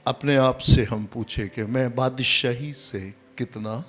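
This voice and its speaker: A man preaching a sermon, swinging from soft, low phrases to loud, high exclamations. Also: fairly even intonation, slow. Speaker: pastor.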